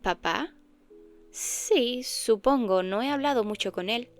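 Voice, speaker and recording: A woman voicing the narrator's distracted adult sister, speaking briskly and a little louder and higher than the narration. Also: faint music behind. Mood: offhand.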